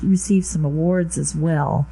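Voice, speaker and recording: A woman's voice: low voice, steady tone, a little slow, gravelly, dark tone, husky, rough recording. A woman hosting a conversational radio interview in an effusive, encouraging way. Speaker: radio host.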